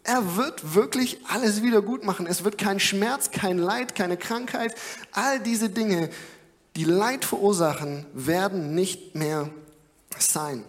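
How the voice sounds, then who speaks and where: A man's voice: sits high, slow pace. A young man preaching a sermon in an earnest, conversational way, with frequent filler sounds. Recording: long hall reverb.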